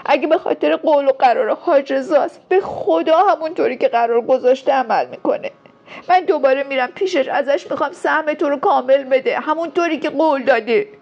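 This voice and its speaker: A tearful, defiant young woman in a storybook romance, as a woman reader voices her, crying and pleading loudly in a high, strained voice. A gravelly edge runs through it, and the recording is dull and lo-fi. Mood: distraught.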